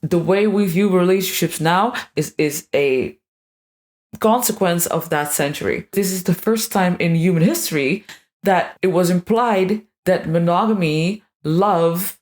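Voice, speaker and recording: Woman, slightly low voice, sarcastic vlogger with a crude, irreverent edge. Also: measured pace, darkish tone. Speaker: video creator. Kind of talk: scripted monologue.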